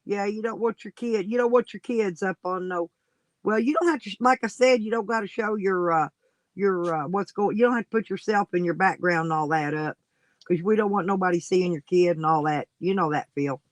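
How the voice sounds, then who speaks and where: A man with a drawl chats loosely on his livestream, sliding from one topic to the next and coaxing viewers to join. His voice sits high for a man. The sound is dry and close, with no room around it. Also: brisk, dry recording, rough recording. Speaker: livestream host. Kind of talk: casual livestream chat.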